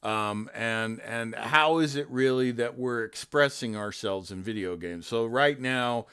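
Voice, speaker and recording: A man hosting a casual livestream, explaining his software in a rambling way with many fillers and restarts. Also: medium pitch, unhurried, clear, resonant tone. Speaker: host and game developer. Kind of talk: casual livestream tech chat.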